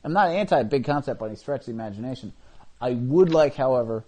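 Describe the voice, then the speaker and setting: A man co-hosting a casual podcast about comic books, opinionated and excitable, often trailing off and restarting. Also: medium pitch, fast. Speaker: podcast co-host.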